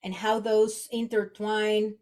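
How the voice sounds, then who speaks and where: A Mexican woman in her forties, a native Spanish speaker and executive coach, reflects conversationally as a podcast guest, often restarting phrases. Her medium-pitched voice is level, slow and a little mellow, with a Mexican accent.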